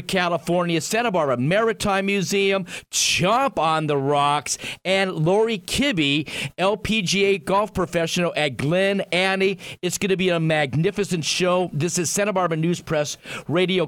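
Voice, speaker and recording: A man with a high-set voice hosts radio in the grand manner of a ringmaster. His delivery is bombastic and effusive, stacking superlatives like a showman. The sound is very dry, with no room around him. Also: fairly bright tone, dry recording. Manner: bombastic ringmaster-style announcing. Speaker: radio show host.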